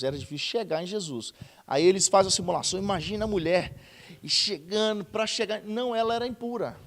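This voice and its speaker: A man teaching a Bible study, reading scripture slowly and with emphasis, then explaining it casually. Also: sits high. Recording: long hall reverb.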